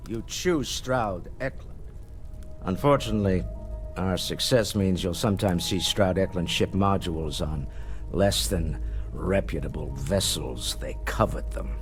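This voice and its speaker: A man playing a wealthy older businessman in a video game, urbane, proud and wry. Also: low-pitched. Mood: proud, disdainful. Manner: urbane, self-assured, wryly conversational. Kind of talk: scripted video game dialogue.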